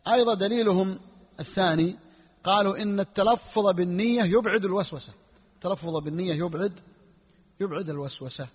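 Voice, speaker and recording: A husky male sheikh explains a jurisprudence text at a brisk clip, his voice sitting a little high. He repeats his key phrases and keeps checking that his students follow. The recording is dull and carries a long hall echo. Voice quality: husky, clears throat often. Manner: repeats phrases, asks students "clear or not?". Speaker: sheikh teaching Hanbali jurisprudence. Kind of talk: classroom lesson explaining a fiqh text.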